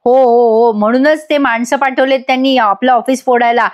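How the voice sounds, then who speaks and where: A sharp-tongued young wife mocks and needles the others, as a woman reads her part. The voice sits fairly high. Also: fairly even intonation, normal speed, close to an everyday voice. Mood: snide. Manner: snide, mocking.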